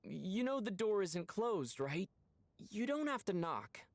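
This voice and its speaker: A man voicing a friendly young video game character who speaks in a mild, matter-of-fact way, with a husky voice. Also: high voice, big pitch swings, slow, no echo, heavily acted.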